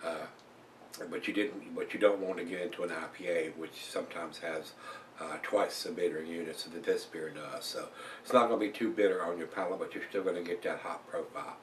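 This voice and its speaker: Older man, lowish voice, chatty beer review, roomy home sound, mic well off. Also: fairly quick, recorded from a distance, slight background noise. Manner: relaxed, chatty, with many fillers. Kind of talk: casual beer review vlog. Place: small room at home, indoors. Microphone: camera across the room.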